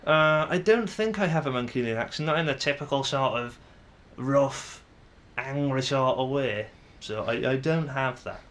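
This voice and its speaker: This is a casual to-camera monologue by a twentysomething vlogger from around Manchester, who has a northern English accent. He's rambling and self-deprecating with many restarts, his mid-range voice fairly bright at normal speed over a faint hiss or hum.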